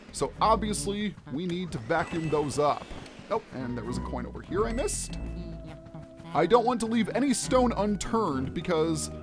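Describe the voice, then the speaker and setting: Over game music, a gaming video host with a medium-pitched voice delivers chatty, expressive let's play commentary, explaining things clearly as he goes.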